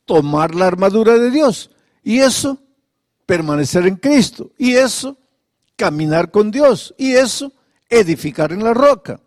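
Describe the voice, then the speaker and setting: A male pastor preaching a sermon, firing off repeated rhetorical questions and at times dropping to a soft, confiding tone. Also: sits high, lively intonation, unhurried, no room sound, clean studio sound.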